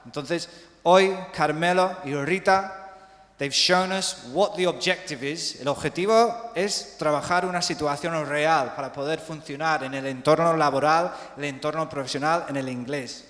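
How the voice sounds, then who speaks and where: Lively teacher in an echoey hall. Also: male voice, fairly high pitch. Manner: lively, drills words slowly, switches between English and Spanish. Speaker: English teacher. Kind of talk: bilingual pronunciation class. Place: hospital lecture hall. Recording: echoey hall with long reverb.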